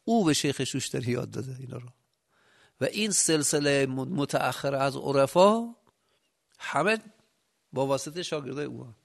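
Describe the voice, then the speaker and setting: A man from Yazd with a Yazdi accent, giving a sermon with rhetorical questions and a loudness that rises and drops. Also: medium pitch, animated, creaky, pauses often. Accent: Yazdi Persian. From Yazd, Iran. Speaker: preacher.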